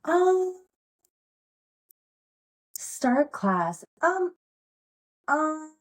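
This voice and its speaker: An American woman who teaches pole dance speaks in a high, sing-song voice at an extremely slow pace. She's a podcast guest, chatting casually in a casual interview and rambling with lots of fillers and laughter.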